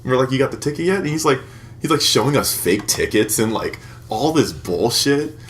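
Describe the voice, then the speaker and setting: A man's voice: mid-range voice, lively intonation, moderate pace, a little hiss or hum. A man in his twenties co-hosting a podcast, telling crude stories in a rambling, casual way and laughing often. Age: 20s. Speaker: podcast co-host. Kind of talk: casual chat.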